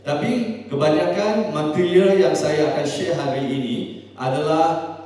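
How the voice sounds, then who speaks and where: A man's voice: a little high, a little slow, darkish tone. A man from Malaysia with a Malaysian accent, presenting at a seminar, mixing Malay, Indonesian and English and tagging sentences with "ya". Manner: mixes Malay, Indonesian and English, frequent "ya" tags. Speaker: seminar speaker. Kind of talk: conference presentation. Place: large hall. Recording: echoey hall from far off.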